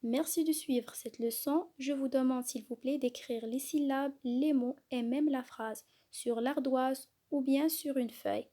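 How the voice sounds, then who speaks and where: A woman teaching young children to read, spelling out letters and syllables slowly and clearly. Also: high-pitched, mellow. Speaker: kindergarten teacher. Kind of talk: slow, clearly articulated reading lesson for young children.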